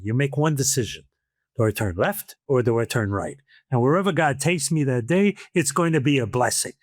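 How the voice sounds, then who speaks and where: Clean studio audio with no room sound captures an older podcast host with a medium-pitched voice. He conducts a casual interview, rambling like a storyteller and frequently starting his sentences over.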